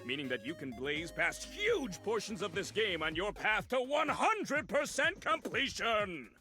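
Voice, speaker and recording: A man's voice: high voice, sing-song, unhurried, sharp tone, full character voice. An actor playing an armored loot salesman in a video game, using an over-cheerful customer service voice. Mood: eager pitching. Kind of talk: video game character acting. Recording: game audio with background music.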